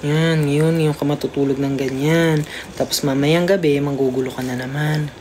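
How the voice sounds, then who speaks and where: A livestream host chatting casually to viewers about a pet cat, at times slipping into a high coaxing baby voice for the cat. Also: steady tone, moderate pace, a little mellow, slight background noise. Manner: chatty, keeps addressing viewers.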